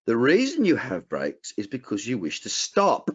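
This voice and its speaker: Australian male educator, casual webinar delivery, blunt and rambling, mid-pitched voice on dull lo-fi sound. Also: huge pitch swings, moderate pace, slightly rough. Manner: rambling, blunt, frequent restarts. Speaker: trading educator.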